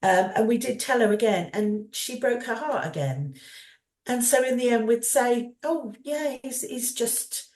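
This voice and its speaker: A woman hosting a podcast, talking gently and thoughtfully, with lots of "um" and "you know". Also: on the high side, lively intonation, moderate pace. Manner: gentle, thoughtful, with frequent fillers. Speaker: podcast host. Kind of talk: conversational podcast chat. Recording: roomy, echoey sound.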